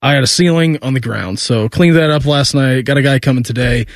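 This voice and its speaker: A man's voice: mid-range voice, a little fast, no echo, clean studio sound. A man hosting a sports radio show in a casual, chatty style. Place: dry radio studio.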